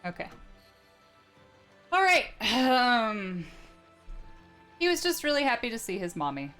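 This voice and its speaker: A woman's voice: on the high side, very animated, slow, a bit bright. A young woman streamer chatting casually and joking at herself during a let's-play live stream. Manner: chatty, giggly, self-mocking. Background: game music.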